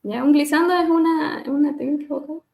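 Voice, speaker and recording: A woman speech therapist leading a webinar on voice care, gently demonstrating hums and glides over a video call and laughing at herself now and then. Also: high-pitched, fairly quick, gravelly. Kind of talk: live webinar lesson on vocal exercises.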